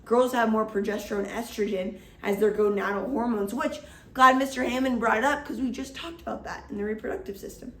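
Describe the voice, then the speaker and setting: An energetic woman teacher giving an upbeat, chatty classroom lecture. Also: on the high side, a little fast, distant mic. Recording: echoey room.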